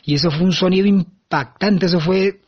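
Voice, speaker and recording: A man giving a first-person eyewitness account, halting and earnest, with frequent restarts. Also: high voice, slight background noise. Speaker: eyewitness recounting an event. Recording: dull lo-fi sound.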